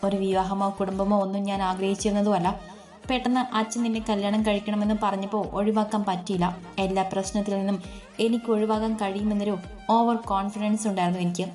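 A woman's voice: mid-range voice, little pitch movement, fast talker, darkish tone, soft background music, natural voice. A woman voicing a troubled young husband. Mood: strained. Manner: hesitant, evasive.

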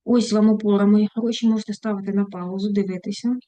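Woman, English teacher, mellow tone, reads out words and translates, fond asides. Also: medium pitch, steady tone, fast talker. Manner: reads textbook lines then translates; affectionate diminutives to students. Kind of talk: online English lesson.

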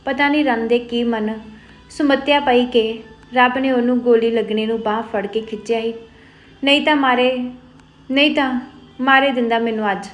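Woman voicing a stubborn older village aunt, husky, pained, fairly high voice. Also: steady tone, normal speed, lightly acted. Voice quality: husky, strained.

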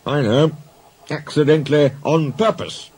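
A man voicing a stern, brisk male railway boss who speaks in a clipped, firm way. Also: fairly high pitch, voice pushed up. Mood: grim.

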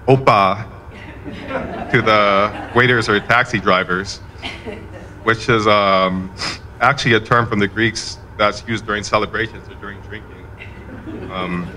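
A man speaking as a son giving a eulogy at a memorial, in a fairly monotone, measured way. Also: lowish voice, a little hiss or hum, poor audio. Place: event room at a college campus.

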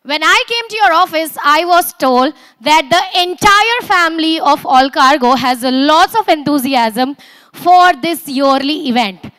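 A woman's voice: sits high, measured pace, no room sound. A young woman with an Indian accent hosting a corporate event, projecting energetically to an audience as an emcee. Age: young adult. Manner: energetic, projected, rousing delivery. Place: large auditorium stage. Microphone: handheld and podium microphone.

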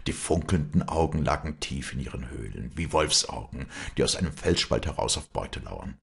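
A man reading a novel aloud as an audiobook, in measured, expressive storytelling. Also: rumbling low, vocal fry, husky. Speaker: audiobook reader. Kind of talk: audiobook narration.

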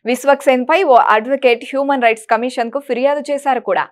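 A woman presenting entertainment news, reading a script in a brisk, even manner. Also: sits high.

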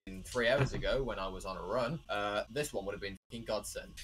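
Low-voiced man chatting casually. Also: a little fast, fairly bright tone, soft background music, low-quality recording. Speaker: chat stranger. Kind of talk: casual chat.

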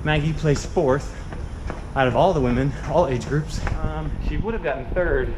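A man's voice: fairly high pitch, moderate pace. A man in his thirties chatting casually to a vlog camera while running, a bit out of breath. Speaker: vlogger. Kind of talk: casual travel vlog chat. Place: outdoors on park paths, jogging. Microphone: action camera held at arm's length. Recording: outdoor noise around the voice.

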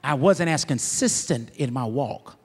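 A man preaching a sermon as pastor, moving from quiet, conversational asides to loud, shouted peaks. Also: mid-range voice, animated, unhurried, slightly rough, long reverb tail, soft background music. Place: church sanctuary.

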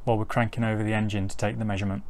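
Talking very fast in a level, slightly mellow voice on the low side, a middle-aged mechanic walks through a casual step-by-step technical tutorial. He's recorded outdoors on a driveway, where ambient noise is clear.

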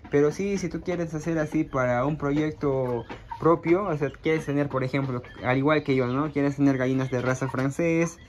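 Outdoors at a chicken coop, a small-scale poultry farmer casually vlogs about his chicken project, calling viewers friends and using plenty of fillers. His voice is on the high side with a little hiss or hum, and hens and roosters cluck faintly behind him.

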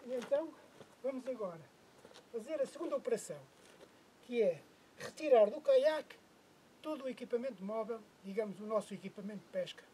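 A man's voice: very high voice, expressive, fairly quick, pauses often, over loud music. A middle-aged man with a European Portuguese accent, the host of a kayak fishing channel, patiently explaining a DIY setup step by step outdoors on a lakeshore, with the odd hesitation. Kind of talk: DIY how-to narration.

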